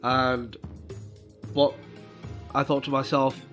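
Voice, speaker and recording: A gaming YouTuber with a cold coming on rambles slowly over his gameplay, his mid-range voice nasal, level and fairly bright, packed with fillers. Game music plays behind him, and the high frequencies are cut off.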